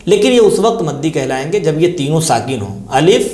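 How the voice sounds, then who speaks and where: A man's voice: fairly high pitch, very animated, dark tone, roomy sound. A man with an Indian Urdu accent teaching tajweed, patiently repeating key terms and asking and answering his own questions. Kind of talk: religious lesson explanation.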